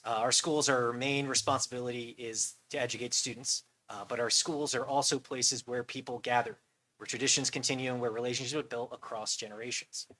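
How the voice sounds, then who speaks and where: A man giving an earnest, measured presentation to a school board, with occasional ums. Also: medium pitch, bright, forceful tone, low-quality recording. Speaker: school finance official.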